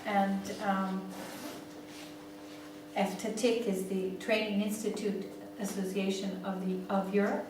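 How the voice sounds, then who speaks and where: Her mid-range voice has a level tone and an unhurried pace. She is a Greek-accented woman in her sixties from Greece, a native Greek speaker, lecturing at a family therapy seminar in a hall with many "um"s and frequent "yeah?" check-ins. The audio, from a seminar room, is noisy, very echoey and distant from the mic.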